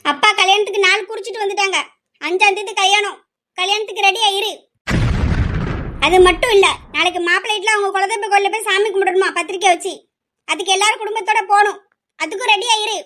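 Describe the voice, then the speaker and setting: A woman's voice: very high-pitched, fairly even intonation, background noise. A woman playing a weary, pleading mother. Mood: worried. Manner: slow, pleading, scolding at times. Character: worried middle-aged mother, pleading and weary. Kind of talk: amateur family drama.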